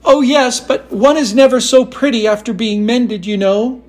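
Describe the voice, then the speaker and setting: A man voicing a timid, fragile young china princess who speaks delicately and slowly. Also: very high voice, voice pushed up. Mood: prim. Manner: frightened, pleading, slow and delicate.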